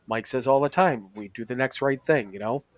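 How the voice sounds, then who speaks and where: Podcast host, man, loose and profane, dry close sound, mid pitch. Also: a little fast, dry recording, faint music behind. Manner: rambling, loose and profane, with restarts and laughs. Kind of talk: casual chat.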